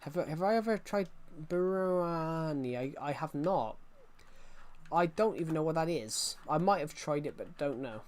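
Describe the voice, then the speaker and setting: A man's voice: a little high, lively intonation, moderate pace. A man in his early twenties chatting casually on a game livestream, rambling and reacting to chat messages. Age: early 20s.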